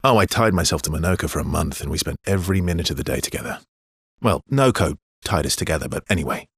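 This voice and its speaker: This video game voice actor voices a brooding, tender man whose low, very husky and breathy voice sits close and dry in the recording. He talks in a halting, intimate, understated way with a gentle teasing edge, though the animated, exaggerated delivery keeps things playful. No echo is present.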